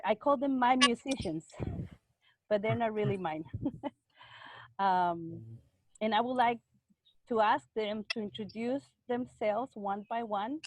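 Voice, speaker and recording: A woman hosts a casual video call and welcomes her guests, pausing now and then with fillers. A faint hiss sits behind her voice. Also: a little high, poor audio. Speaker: host, church music director.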